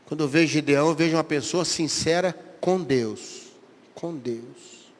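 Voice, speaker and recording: A man with a Brazilian Portuguese accent preaching a sermon as a pastor, acting out prayers and replies with big swings in loudness. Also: fairly high pitch, normal speed, in a large hall.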